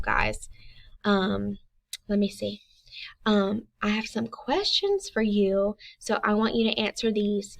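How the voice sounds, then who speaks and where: A young woman teaching a reading lesson to young children, upbeat and animated, reading book lines slowly. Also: medium pitch.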